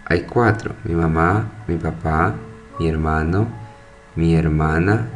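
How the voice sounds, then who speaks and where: A man's voice: extremely low pitch, faint music behind. A man teaching, who walks students through a study questionnaire and reads each answer word by word. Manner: slow, deliberate, spelling out each word.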